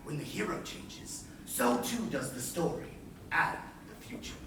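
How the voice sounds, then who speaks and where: An actor on stage playing a scheming, smug pirate captain, grandiose and wry, with deliberate emphasis. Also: male voice, fairly high pitch, lively intonation, over music. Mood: seductive. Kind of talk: projected stage-play acting. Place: indoor playhouse stage. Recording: echoey theatre, far mic, faint noise.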